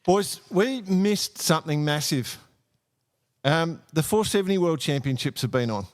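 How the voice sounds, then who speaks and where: A man's voice: a little high, animated, unhurried. A man with an Australian accent hosting a podcast in a casual, chatty style. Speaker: podcast host. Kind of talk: casual chat.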